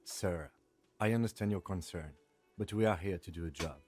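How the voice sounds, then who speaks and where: An actor playing a calm, formal male police lieutenant who speaks precisely. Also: sits low, moderate pace, soft background music, lightly acted. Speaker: game character.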